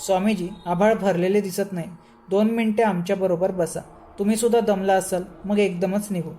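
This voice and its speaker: A woman voicing a calm, shrewd older man who speaks firmly and explains things patiently. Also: mid-range voice, fairly quick, slight background noise, close to an everyday voice. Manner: firm, level-headed, explaining.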